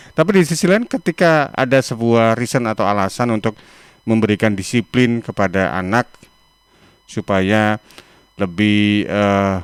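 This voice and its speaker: A man hosting a radio talk show, asking long, measured questions from the studio. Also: on the low side, smooth, no echo. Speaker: radio host.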